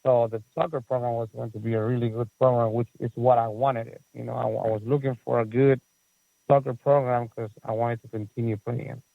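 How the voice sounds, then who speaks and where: A Chilean man in his forties with a Chilean Spanish accent, a soccer facility owner and coach, is the guest in a casual interview, rambling with lots of fillers and restarts. His mid-range voice is level, fairly quick and marked by vocal fry, heard over a tinny, phone-like line without echo.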